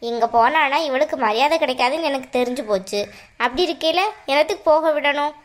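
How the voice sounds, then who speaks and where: A woman voicing a stern, high-voiced mother-in-law. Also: fast, lightly acted. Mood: musing. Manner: scolding, lecturing. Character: stern middle-aged mother-in-law, secretly caring. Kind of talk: cartoon voice acting.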